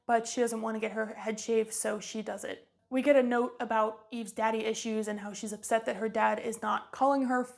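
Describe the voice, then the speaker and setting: A woman vlogger casually recapping a film's plot in a chatty, offhand way. Her fairly high voice has a creaky edge. She keeps her pitch flat. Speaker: movie review vlogger.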